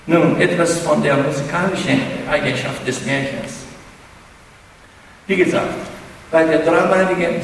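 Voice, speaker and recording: A man's voice: fairly high pitch, slight background noise. A man giving a spoken lecture, hesitant and often restarting his words. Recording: echoey hall, mic far off.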